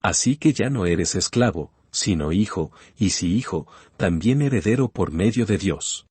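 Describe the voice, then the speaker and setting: A man reading scripture from a script as a Bible narrator, in a solemn, booming biblical narration manner with a husky voice. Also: lively intonation, measured pace, a little mellow, no room sound.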